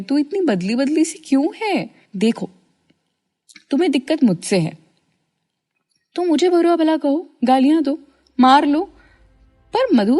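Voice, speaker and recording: A woman's voice: high voice, mellow, pitched above the performer's own voice, exaggerated voice. Woman voicing earnest, caring college girl. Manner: earnest and pleading.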